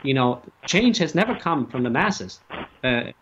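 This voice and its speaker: A man giving opinions as a radio interview guest, speaking haltingly and emphatically and repeating his phrases. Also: mid-range voice, sing-song, fairly bright tone. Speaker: talk show guest and activist. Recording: muffled lo-fi audio, faint noise.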